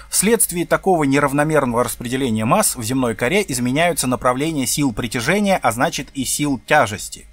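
A man reads a textbook aloud at an even, careful pace, breaking off now and then for plain remarks of his own. His voice sits in the middle range and is recorded close and dry, with no room sound. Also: mid-range voice, no echo. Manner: careful reading with asides and self-corrections. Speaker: video host reading a textbook. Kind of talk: reading aloud from a textbook with comments.

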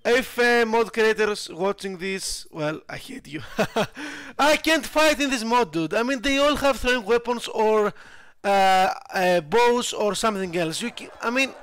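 A man talks over his gameplay. He speaks in an unhurried way, griping, cursing and laughing at his own failures. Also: fairly high pitch, fairly bright tone, dry recording. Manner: frustrated, swearing, laughing at himself. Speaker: gameplay streamer. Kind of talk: casual game commentary.

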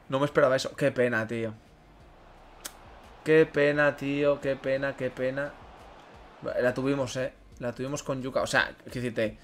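A man streaming a football career mode game, chatting casually with viewers, swearing and breaking into mock rants at chat. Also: medium pitch. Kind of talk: casual gaming commentary to chat.

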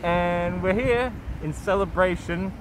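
A man's voice: sits high, slow pace. A young man talking through a face mask as he hosts a casual food review vlog with upbeat hype. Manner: upbeat, hyping. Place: outdoors near traffic. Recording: noisy outdoor street recording.

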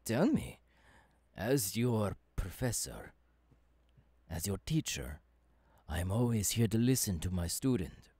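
Man playing Professor Turo, mellow, dramatic futuristic scientist. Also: lowish voice, big pitch swings, husky, dry recording, heavily acted. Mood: helpful, attentive. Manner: halting, dramatic delivery with pauses. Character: eager, kindly male futuristic professor mentoring a new apprentice. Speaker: voice actor, ASMR artist. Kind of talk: ASMR character roleplay.

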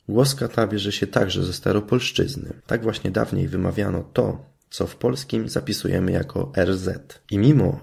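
Low gravelly guy from masuria, husky, reading his lesson script slow and careful like a teacher. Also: a little mellow. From Masuria, Poland. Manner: methodical, careful pronunciation. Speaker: language educator and channel host. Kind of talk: scripted explanatory narration.

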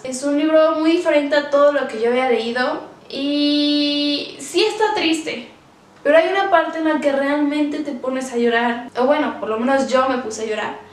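A woman casually reviewing books for her vlog, chatty and emotional, with many fillers. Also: high-pitched. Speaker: book vlogger. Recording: roomy, distant from the mic.

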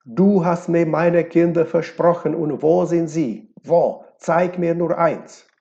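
A man voicing a drunk, bitter husband shouting. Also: a little high, slow, gravelly. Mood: shouting angrily. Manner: shouting, accusing. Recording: dull lo-fi recording.

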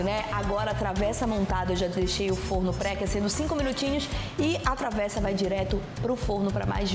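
A young woman presents a TV cooking segment in a chatty, expressive way, talking to viewers in regional slang. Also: mid-range voice. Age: young adult. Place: kitchen showroom, indoors. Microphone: lapel mic. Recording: echoey room with background music.

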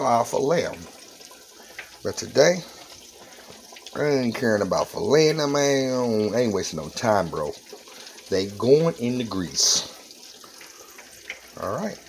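With a sing-song, mid-range voice, a Southern man in his 40s talks slowly and pauses often while hosting a casual home cooking vlog. He's playful and keeps repeating exclamations in his kitchen, which has a countertop fryer. The low-quality recording has slight hiss or hum.

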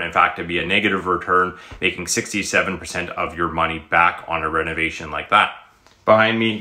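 A low-pitched man in his thirties talks straight into a close phone camera, explaining home advice in a plain, matter-of-fact way with some fillers. His tone is bright and forward, and the room rings with a noticeable echo. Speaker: realtor. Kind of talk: direct-to-camera advice video. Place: indoor room, green-screen style background.

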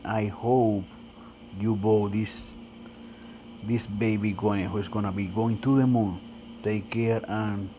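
A man with non-native English phrasing hypes things like an excited crypto bro in a casual vlog, often tacking "man" onto his sentences. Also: fairly low pitch. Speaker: crypto video host. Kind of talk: casual screen-recorded vlog commentary. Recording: noisy phone screen recording.

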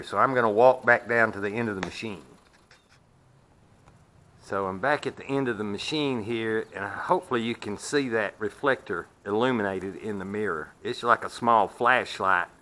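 In a metal shed, a man demonstrates the sawmill he owns, speaking in a fairly low, sharp-toned voice over slight background noise. He keeps it plain and folksy as he works hands-on, occasionally stepping away from the camera.

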